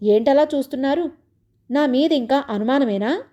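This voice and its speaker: Playful young wife in a storybook, coaxing and teasing; a woman reads her, soft mellow tone. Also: high voice, moderate pace, voice pushed up, close to an everyday voice.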